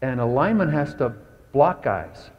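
A man's voice: mid-range voice, big pitch swings, normal speed, in a large hall, muffled recording. A man, a pastor preaching a sermon in a conversational style, telling stories and asking his congregation questions. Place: church sanctuary.

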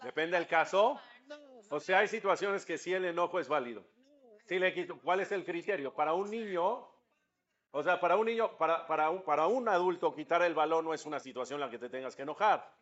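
A man's voice: a little high, brisk, a bit bright, dull audio. A man, a rabbi with a Mexican accent, giving a religious lecture, asking the audience questions and building to emphatic peaks. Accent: Mexican Spanish.

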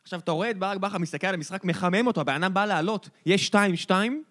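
A man co-hosting a casual sports podcast, telling animated stories and acting out what people said. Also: high-pitched. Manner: animated storyteller who acts out quoted remarks. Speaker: podcast co-host.

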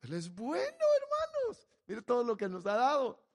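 Un hombre predicando un sermón, exhortando a la congregación y pasando de tono bajo a fuerte énfasis. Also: male voice, extremely high pitch, wildly swooping pitch, normal speed. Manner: exhorting, addressing the congregation directly; swings from quiet to loud emphasis. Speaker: preacher. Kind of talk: sermon.

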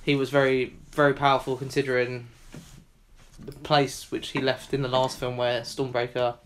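Even-toned man, measured and explanatory. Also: mid-range voice, a little hiss or hum. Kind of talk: casual film discussion.

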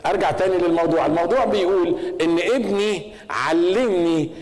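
A man's voice: high voice, quick pace, darkish tone, big-room sound, poor audio. A middle-aged man with an Egyptian accent preaching a sermon as pastor, conversational and often asking the congregation questions. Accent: Egyptian Arabic. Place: church.

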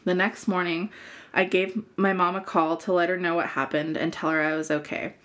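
A woman's voice: lowish voice, flat delivery, normal speed, a bit bright. A woman co-hosting a podcast, reading out listeners' scary stories and chatting casually.

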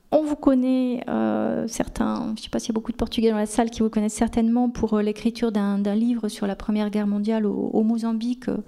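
Halting, mellow-voiced woman moderator. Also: a little high, creaky. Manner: halting, many fillers and restarts. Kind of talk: hesitant conference introduction. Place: conference hall.

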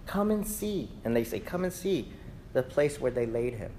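A man preaching an Easter sermon in a lively, conversational way, acting out voices in his stories. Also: medium pitch, moderate pace, a little hiss or hum. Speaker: pastor.

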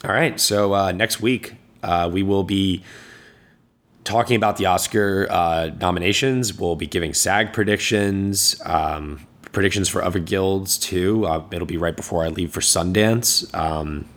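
A man with a very low, hungover voice hosts a podcast. He speaks casually and informally, hesitating and trailing off as he wraps things up. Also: a little slow, a bit bright. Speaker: podcast host.

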